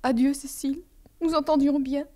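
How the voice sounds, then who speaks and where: A woman voicing a heartbroken young woman in an audiobook, speaking softly and quietly through sobs. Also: high-pitched, fairly even intonation, moderate pace, voice pushed up, natural voice. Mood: tearful. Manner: soft, quiet, sobbing delivery. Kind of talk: audiobook dialogue reading.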